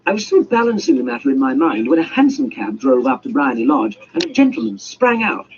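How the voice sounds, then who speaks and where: Very animated and fairly quick, a man with a fairly high voice and vocal fry narrates a story theatrically, dramatic and scripted, voicing the dialogue. It's a muffled, noisy amateur audiobook recording.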